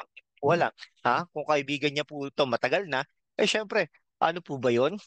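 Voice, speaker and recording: A middle-aged man with a Filipino accent hosting a casual political commentary vlog, talking slowly and haltingly with many fillers and a constant tag "no?". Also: on the high side, fairly bright tone, dry recording, rough recording. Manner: rambling, frequent tag question "no?"; slow, halting with fillers and throat clearing. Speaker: channel host.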